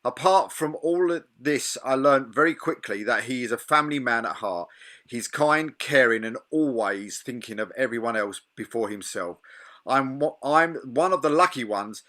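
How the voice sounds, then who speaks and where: A man's voice: medium pitch, sharp tone. A man giving a short spoken tribute in a personal video message.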